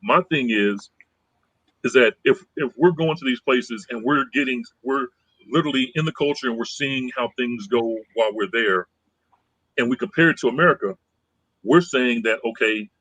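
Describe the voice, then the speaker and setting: Speaking at a normal speed, this man with a husky, slightly breathy mid-range voice explains his perspective on a relaxed podcast. He's conciliatory and calm, tending to ramble and repeat himself. The recording is close and dry, free of room echo.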